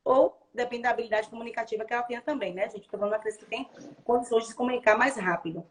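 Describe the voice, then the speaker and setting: A woman with a Bahian Brazilian accent, a speech therapist explaining advice to parents on a video call, lively and acting out example phrases for a child. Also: a little high, racing, a little hiss or hum. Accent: Bahian Brazilian Portuguese. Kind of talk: explaining advice in a live chat.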